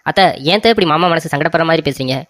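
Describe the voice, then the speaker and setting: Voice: mid-range voice, rapid-fire, a bit bright, no room sound, clean studio sound, lightly acted. A voice actor doing a greedy, wheedling young brother-in-law. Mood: whining. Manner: wheedling and demanding.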